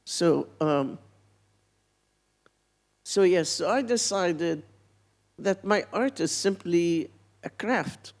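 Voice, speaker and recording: A Palestinian woman in her eighties, an artist on a panel, speaks bluntly and reflectively in an expressive, low-ish, darkish voice. She's unhurried and pauses as she talks.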